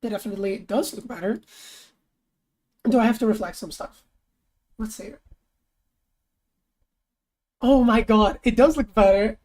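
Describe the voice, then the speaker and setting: Working through her art on a live stream, a young woman thinks aloud in a casual, chatty way, at a measured pace with long pauses. Her normally fairly high voice comes across mellow and somewhat lower today, broken now and then by excited, high-pitched hellos.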